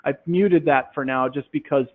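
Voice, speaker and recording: A man demonstrating a classroom quiz game, explaining in a relaxed way with many fillers into a headset. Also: mid-range voice, normal speed. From Minnesota, USA. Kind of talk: software demonstration talk. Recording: tinny phone-like line.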